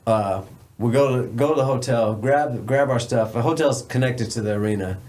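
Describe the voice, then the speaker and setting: A boxing trainer spins a road-trip yarn in easy podcast talk, laughing as he goes. His voice sits at an ordinary pitch, with a faint hiss of noise underneath. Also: normal speed. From Texas. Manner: animated, laughing storyteller. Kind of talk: casual storytelling.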